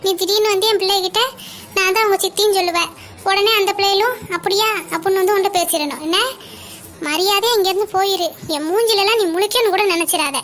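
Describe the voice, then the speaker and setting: A sharp-tongued cartoon mother, as a woman voices her, scolds in a harsh, bossy way. The voice sits very high and bright. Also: fairly even intonation, fast talker. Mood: scolding. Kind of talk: cartoon dialogue acting.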